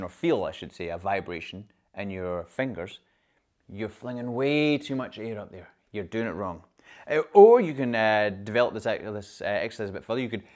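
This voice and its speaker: A man from Glasgow with a Glaswegian Scottish accent, coaching viewers on their voice in an online lesson and saying example words aloud to show them. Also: medium pitch. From Glasgow, Scotland. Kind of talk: online instructional video.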